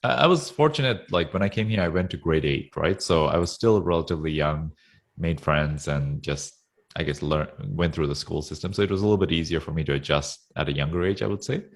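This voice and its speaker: Male guest in his 30s, very low voice, easygoing and chuckly, video-call audio. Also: brisk. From Sri Lanka. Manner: relaxed, chuckles often, hesitant fillers. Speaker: interview guest. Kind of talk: casual interview talk.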